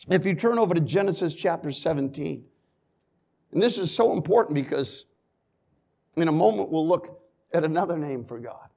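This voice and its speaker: In a fairly high voice, a male preacher reads scripture in archaic phrasing during his sermon. He then slips into quiet, folksy asides before climbing back to loud emphasis.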